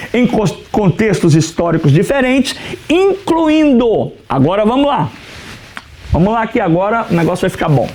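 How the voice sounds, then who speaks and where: In a lecture on the Old Testament, a pastor teaches his Bible class with a high voice that swings widely, rising and falling as he poses questions and answers them himself. He keeps telling students to write notes and sometimes turns from the mic toward the board. His tone is a little mellow, with slight background noise.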